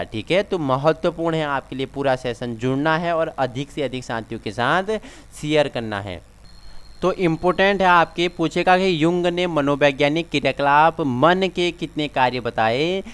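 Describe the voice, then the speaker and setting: Male exam-prep teacher with a smooth, slightly high voice, drilling points over and over.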